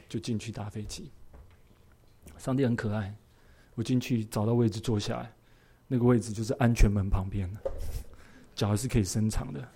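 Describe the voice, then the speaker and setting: A man preaching a sermon as a pastor, telling a personal story in an earnest, expressive way. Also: lowish voice, a little hiss or hum.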